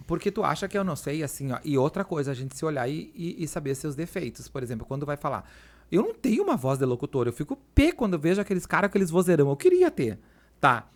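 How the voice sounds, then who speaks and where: A man guesting on a casual podcast interview, telling stories in an animated way and acting out the lines he quotes. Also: on the high side, fast. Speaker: guest, event presenter and social columnist.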